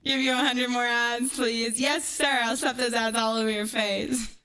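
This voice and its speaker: Soft music plays behind a woman livestreamer whose voice is fairly high, steady, and sharp. Speaking to her viewers in a playful, tongue-in-cheek monologue, she draws out her words dramatically, teasing and frequently dropping almost to a whisper.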